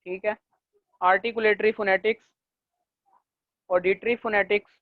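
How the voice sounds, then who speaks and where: A male linguistics lecturer teaching a class, leaning on fillers and checking in often, and slowing down to dictate definitions. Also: high-pitched, level tone, dry recording. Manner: leans on the filler "jo hai na" and checks in with "theek hai"; slows down to dictate English definitions. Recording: tinny, dry, phone-like recording.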